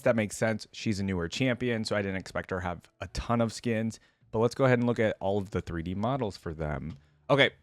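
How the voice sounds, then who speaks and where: A man with a mid-range voice hosts a reaction video, chatting with casual, slangy enthusiasm. The clean studio sound has no room sound, though music from the videos he's watching plays behind his voice.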